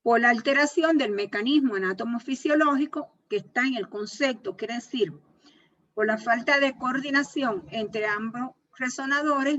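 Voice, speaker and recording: A woman's voice: a little high, a bit bright. A woman teacher giving a lecture, explaining step by step, repeating key points and checking in with her class. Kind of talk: university lecture on speech disorders. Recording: dull lo-fi recording.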